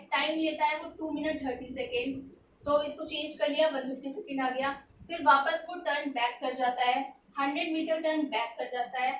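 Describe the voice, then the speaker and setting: एक ऊँची आवाज़ वाली शिक्षिका, गूंजते कमरे में. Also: female voice, sits high, fairly bright tone, far from the mic, a little hiss or hum. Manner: asks questions and answers them herself; mixes English terms into her explanations. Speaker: tutor. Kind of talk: explaining a textbook physics problem. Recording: echoey room, away from the mic.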